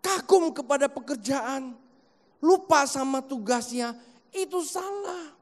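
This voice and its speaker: A man with a high-pitched voice preaches to his congregation. He talks straight to the listeners and acts out little everyday exchanges. His voice rings through a reverberant church hall. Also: animated, slow. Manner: addresses the congregation directly and acts out everyday quotes. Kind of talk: sermon. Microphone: handheld microphone.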